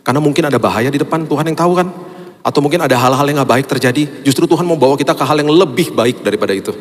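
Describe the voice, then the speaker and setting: A man's voice: fairly high pitch, rapid-fire. A man preaching a sermon, telling a personal story in a casual, conversational way. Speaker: pastor. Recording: echoey hall with long reverb.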